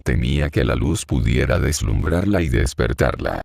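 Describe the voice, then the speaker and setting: A man's voice: rumbling low, expressive, moderate pace, vocal fry, darkish tone, no room sound, studio quality, heavily acted. A man reading the part of a grieving, confused old man in an audiobook, murmuring in a hollow voice as if talking to himself. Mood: tender, dazed.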